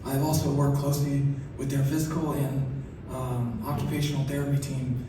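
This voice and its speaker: A soft-spoken man giving an acceptance speech, his articulation slurred as if one side of his mouth is numb. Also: medium pitch, level tone, moderate pace. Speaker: award recipient. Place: large hall through PA. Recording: echoey hall, distant, noisy ambience.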